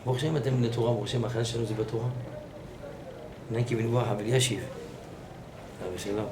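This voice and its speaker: A male rabbi giving an animated sermon, moving between Hebrew and French and calling out to his listeners. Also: medium pitch. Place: synagogue study hall. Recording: echoey room with background noise.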